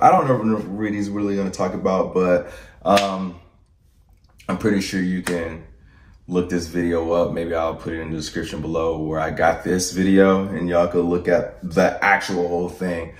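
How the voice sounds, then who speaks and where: A man giving casual, rambling reaction commentary as an online host, checking in with an informal "right?". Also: low-pitched. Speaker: drill sergeant host reacting to videos. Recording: roomy echo, faint background noise.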